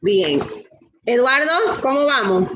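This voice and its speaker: A middle-aged woman teaches a class with a high voice. She takes her time, going word by word and asking her students the same question again and again. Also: very animated, fairly bright tone, highs cut off. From Latin America. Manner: slow, patient, repeats rules and questions. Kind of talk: online class lesson.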